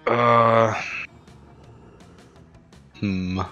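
A man's voice: lowish voice, fairly even intonation, extremely slow, bright, forceful tone, dull audio, faint music behind. A man in a casual let's play with friends, joking and reading game text aloud with some ham.

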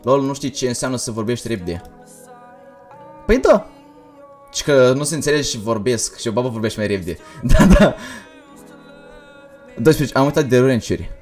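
A young man livestreaming a game, talking fast and energetically while reading out chat messages. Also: mid-range voice, darkish tone, soft background music. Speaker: gaming livestreamer. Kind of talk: casual livestream commentary.

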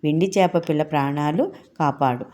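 A woman's voice: low-pitched, moderate pace, darkish tone, close to an everyday voice. A woman voicing a sweet, generous little girl in a children's story, kind and eager to help.

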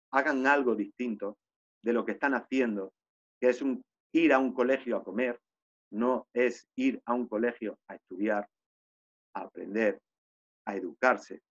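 A man's voice: mid-range voice, fairly bright tone. Theatrical Spanish man teaching over a call. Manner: theatrical, with rhetorical questions. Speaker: storytelling teacher. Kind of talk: online class, storytelling. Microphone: video call. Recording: muffled video-call audio.

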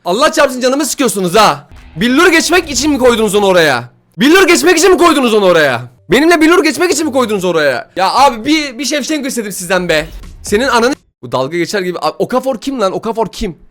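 High, lively young man, fast and bright. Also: faint music behind. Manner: swings from pleading to loud frustration. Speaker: gaming YouTuber opening player packs. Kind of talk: excited gameplay commentary.

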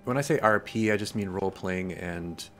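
This let's play host has a deep, slightly bright voice and speaks at a normal speed with faint music behind him. He keeps the gameplay commentary casual and self-deprecating, rambling along and responding to the characters on screen.

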